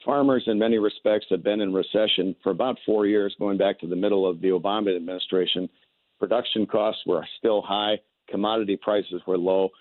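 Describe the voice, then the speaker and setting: A man's voice: fairly low pitch, steady tone, fairly quick, dry recording. An American man giving political interview answers as a candidate over a phone line, in folksy stump-speech phrasing with hesitant repeats. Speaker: political candidate, radio guest. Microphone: telephone. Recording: narrow tinny phone line.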